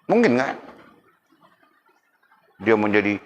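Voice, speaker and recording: Low-voiced man teaching a religious class. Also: big pitch swings, slow, muffled recording. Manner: keeps checking the class understands, teasing jokes.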